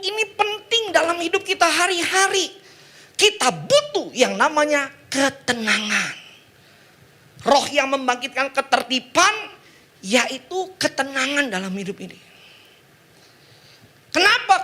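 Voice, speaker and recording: A man preaching a sermon in a lively, joking way, calling on the congregation to repeat words after him. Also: very high voice. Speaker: pastor.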